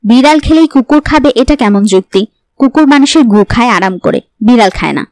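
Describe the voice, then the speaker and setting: A woman's voice: on the high side, lively intonation, a little fast, a little mellow, dry recording. A woman voicing a worried, irritated young husband.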